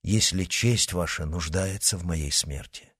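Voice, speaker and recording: A man voicing a grave noble swordsman who speaks calmly and solemnly. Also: low-pitched, measured pace, breathy edge, voice pushed down, exaggerated voice. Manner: calm, solemn. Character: grave, noble older male swordsman count.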